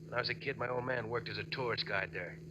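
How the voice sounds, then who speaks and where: In a muffled old radio recording with background noise, a man plays an injured, sardonic ex-convict bank robber in a 1940s drama. His natural, medium-pitched voice has fairly even intonation and moves fast, terse, dry and tough-talking, with a guarded calm and dry defiance.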